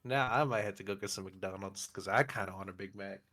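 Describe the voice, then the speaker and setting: A man's voice: low-pitched, a little fast. A man co-hosting a casual movie review chat, swearing a lot, laughing often and acting out scenes. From Mexican-American family. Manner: profane, laughs often, animated retellings. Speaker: podcast co-host.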